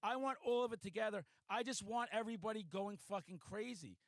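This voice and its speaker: A man in his forties hosting a podcast in a hyper, loud, profanity-laced ranting manner. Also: sits high, a little fast, no echo. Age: 40s. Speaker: podcast host. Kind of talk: casual podcast chat.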